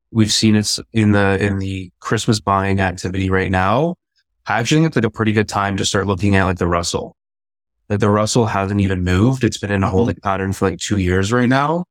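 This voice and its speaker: A man's voice: lowish voice, no echo. A man who once worked a trading floor, giving his take on stocks in a casual investing discussion, confident and analytical with frequent fillers.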